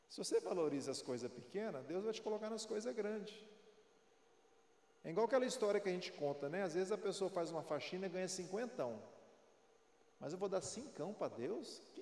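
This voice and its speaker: A pastor in his forties delivers a sermon, slipping into homey storytelling and direct questions to the congregation. His voice sits somewhat high for a man. The sound bounces around a large, echoey church hall with a long tail. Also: darkish tone. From Brazil. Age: 40s. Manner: storytelling, conversational, preachy.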